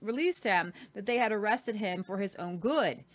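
A woman with a mid-range, animated voice hosts a news talk show at a moderate pace. She reads articles aloud and adds her own commentary, keeping a steady delivery full of "uh" fillers.

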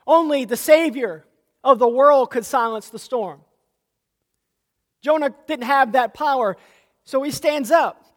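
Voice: high-pitched, a little slow, long pauses. A pastor preaching a sermon, asking the congregation rhetorical questions and often restarting and repeating words. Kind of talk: sermon with scripture reading. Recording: long hall reverb.

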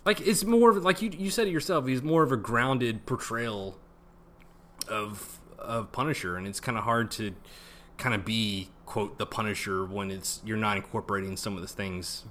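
A man co-hosting a casual podcast, laid-back and hesitant, filling pauses with ums. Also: fairly low pitch, a bit bright. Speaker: podcast co-host. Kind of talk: casual chat.

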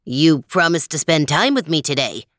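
A woman voicing a small, polite green male frog in a storybook tale, speaking slowly and patiently. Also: sing-song, fairly bright tone, dry recording, studio quality. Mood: calm, earnest. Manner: slow, low and patient.

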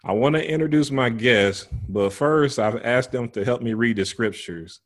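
A man hosting a church panel discussion, speaking in an earnest, measured way. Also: medium pitch. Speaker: panel host.

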